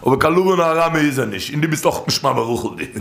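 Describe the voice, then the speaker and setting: A man telling stories from religious teachings in an informal, animated way, his voice leaping high and then dropping low. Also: very fast, vocal fry, a little hiss or hum. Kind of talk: informal storytelling talk. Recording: echoey room.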